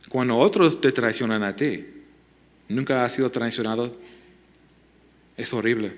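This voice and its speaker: A man delivers a Bible sermon in a church, speaking earnestly and pleading with his listeners. His voice sits at a middle pitch, and he often restarts words as he talks. At times he drops into quiet, gentle appeals. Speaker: pastor. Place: church sanctuary.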